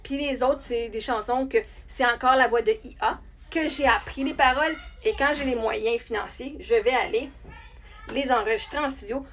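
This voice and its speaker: A woman with a Québécois accent, a singer talking casually to her followers in a chatty, animated way with many restarts. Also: a little high, moderate pace, slight background noise. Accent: Québécois French. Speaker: singer and content creator. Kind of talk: casual talk to camera.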